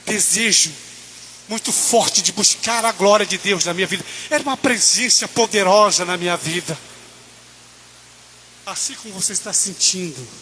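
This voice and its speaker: A man's voice: high-pitched, normal speed, a little hiss or hum. A man preaching in church, telling his own testimony with impassioned, rising delivery. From Brazil. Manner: impassioned, rising to near-shouted peaks. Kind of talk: sermon testimony.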